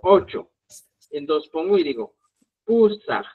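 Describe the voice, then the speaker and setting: A man's voice: fairly high pitch, sing-song, slow pace, breathy edge. A man teaching a live Quechua language lesson, explaining step by step and checking in with his students. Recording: tinny phone-like live stream audio.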